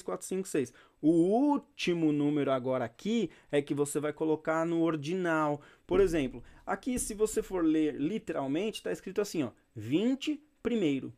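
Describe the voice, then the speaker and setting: A man with a fairly high voice runs a relaxed English class. He talks to his students like friends and repeats each word slowly so they can copy it. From Brazil. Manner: patient, repeats words slowly for practice; informal, chatty asides to students. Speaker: English teacher. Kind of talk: casual spoken lesson.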